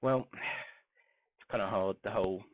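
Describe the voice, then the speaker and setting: A man streaming a game, talking softly and muttering to himself as he crafts, his grainy voice muffled as if heard through a wall. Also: lowish voice, takes it slowly, noisy background. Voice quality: grainy voice when quiet. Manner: talks softly, mumbling to himself while crafting. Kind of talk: casual live-stream gameplay commentary. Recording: muffled phone-like mic with faint music.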